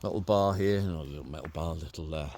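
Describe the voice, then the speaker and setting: A British man with a very deep, slightly mellow voice talks quickly and casually to a handheld camera or phone, giving a chatty, easygoing walk-through of an installation on his vehicle. There's slight background noise.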